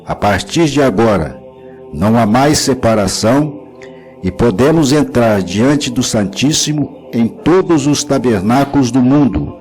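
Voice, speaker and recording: A man giving a solemn, measured devotional narration with scripture readings. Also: mid-range voice, animated, a little mellow, soft background music, low-quality recording.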